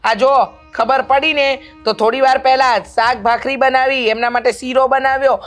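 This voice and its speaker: A woman playing a pushy middle-aged mother-in-law who wants a grandson, talking loudly and insistently in a family drama. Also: high voice, fairly even intonation, normal speed, soft background music, lightly acted. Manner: loud, insistent, scolding. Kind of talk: amateur family drama acting.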